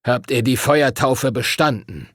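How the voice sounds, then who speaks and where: A man voicing a stern older master of dragon riders, speaking slowly and solemnly in an audiobook. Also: mid-range voice, animated, fairly bright tone, no echo, studio quality. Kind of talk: audiobook character voice.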